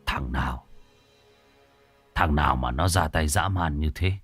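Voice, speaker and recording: A man's voice: unhurried, husky, no room sound, soft background music, heavily acted. A man doing a stern old village sorcerer. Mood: angry. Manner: low, hushed and grave.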